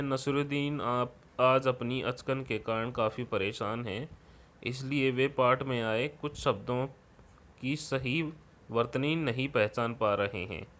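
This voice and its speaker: A man's voice: mid-range voice, a bit bright. A man teaching schoolchildren through a worksheet, explaining patiently and often checking in with the class. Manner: patient, repeats words and fills with "ठीक है". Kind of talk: worksheet lesson explanation for children.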